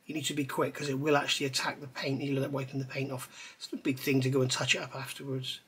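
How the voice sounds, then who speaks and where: Quick and medium in pitch, with a breathy edge, a middle-aged man explains his scale model build as he works with his hands at an indoor hobby workbench. His easygoing, rambling tutorial wanders into friendly side comments, recorded by an overhead camera on the bench.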